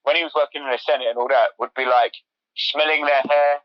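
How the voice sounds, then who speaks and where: A man co-hosting a podcast in casual chat, talking fast and repeating words as he goes. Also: medium pitch, fairly even intonation, no room sound. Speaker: podcast co-host. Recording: dry, dull lo-fi sound.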